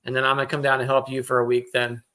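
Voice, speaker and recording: A man hosting a relaxed evening chat show. He rambles and restarts his sentences, reads viewer comments aloud, and teases his guests with an easy humor. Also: medium pitch, rapid-fire. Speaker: host. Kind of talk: casual chat.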